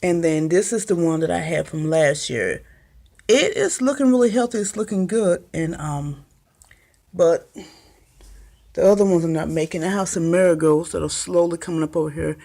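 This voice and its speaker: A woman talks her way through a casual tour of her small greenhouse, her voice sitting a little low. She is chatty and meandering, often pausing on an um. The sound comes from a handheld phone in a close, cluttered space. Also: lively intonation, vocal fry, warm tone. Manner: chatty, meandering, with many ums. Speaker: gardening vlogger. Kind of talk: casual home video tour. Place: small makeshift greenhouse, indoors.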